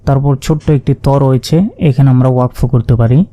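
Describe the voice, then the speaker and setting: A man teaching Quran reading, spelling out Arabic syllables patiently and chanting each word slowly. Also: mid-range voice, steady tone, mellow, no echo, lo-fi sound. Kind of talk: spelling out Arabic letter by letter, slow recitation lesson.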